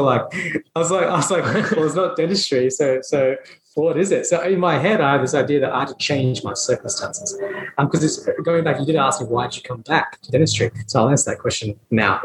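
A man's voice: mid-range voice, reverberant, background noise. A man in his thirties, a dentist telling his story as a podcast guest, earnest and reflective, with frequent restarts and laughs. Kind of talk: conversational storytelling.

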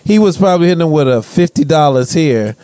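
A man's voice: fairly high pitch, expressive, fast talker, warm tone, no echo. A man in a casual chat, arguing and challenging the others with profane, pushy questions.

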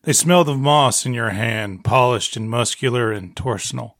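A man putting on an old-timey Western storyteller voice for a slow, hushed reading. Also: medium pitch, dry recording, clean studio sound, natural voice. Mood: hushed, solemn.

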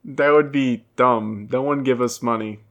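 A man's voice: medium pitch, steady tone, measured pace, a bit bright, muffled recording. A young man co-hosting a podcast in casual comedic chat, rambling and self-deprecating. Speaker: podcast co-host.

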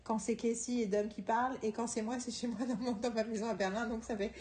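A woman co-hosting a casual podcast chat who laughs often and talks in a lively, quick way. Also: on the high side, background noise. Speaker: podcast co-host and screenwriting teacher.

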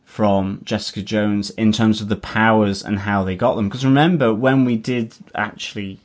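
A man in casual conversation, talking in a slightly low voice. He feels his way through each point, pausing and restarting as he thinks it over. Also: fairly even intonation. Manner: hesitant, restarts often, thoughtful. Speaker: podcast co-host. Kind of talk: casual chat.

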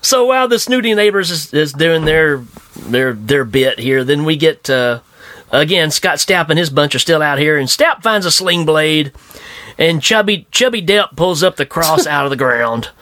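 Jokey podcast guy, bright voice, pitch bouncing all over, dry close sound. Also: moderate pace, dry recording. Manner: jokey, animated, acts out scenes. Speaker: podcast co-host. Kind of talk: casual chat reviewing a bad movie.

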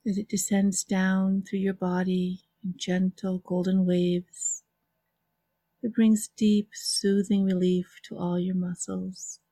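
A woman leads a guided relaxation in a soft, soothing manner. Her voice is mellow and very slow, with long pauses between phrases. The sound is close and dry. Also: medium pitch, level tone, no echo. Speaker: interview guest, author and hypnotherapy practitioner.

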